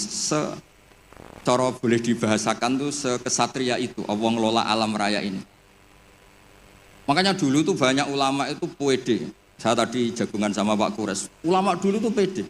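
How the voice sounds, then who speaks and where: A man preaches in an easy, joking storyteller's manner at an ordinary middle pitch. His voice carries a long hall reverb, with faint ambience behind it. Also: slight background noise. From Indonesia. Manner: relaxed storytelling with jokes. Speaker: Islamic preacher. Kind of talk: humorous religious lecture.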